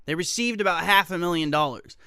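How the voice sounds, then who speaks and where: A man's voice: high-pitched, brisk, bright, forceful tone, smooth, no room sound, studio quality. A man hosting a solo talk radio show, reading local news stories and ranting about them with sarcastic, joking asides. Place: radio studio.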